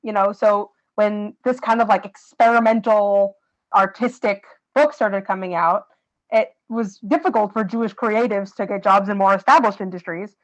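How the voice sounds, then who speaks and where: A woman's voice: mid-range voice, normal speed, dull audio. Thoughtful woman on a podcast. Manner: thoughtful, explanatory. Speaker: podcast co-host. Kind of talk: casual podcast discussion.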